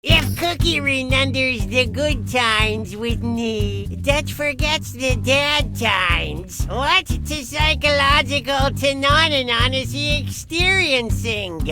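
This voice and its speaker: A man voicing a cheeky wooden ventriloquist dummy in a squeaky voice with garbled consonants and a clowning, wordy delivery.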